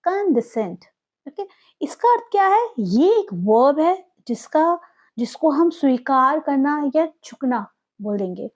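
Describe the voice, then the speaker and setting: A woman's voice: high voice, very animated, a little slow, darkish tone. An Indian woman teaching English vocabulary, asking questions and answering them herself as she mixes English words into her explanations.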